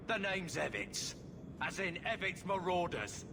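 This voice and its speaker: Gravelly high-pitched menacing bandit. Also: male voice, very animated, unhurried, exaggerated voice. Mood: menacing, vengeful. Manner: loud, confrontational. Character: menacing male marauder bandit out for revenge. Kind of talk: video game voice acting. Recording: clear background ambience noise.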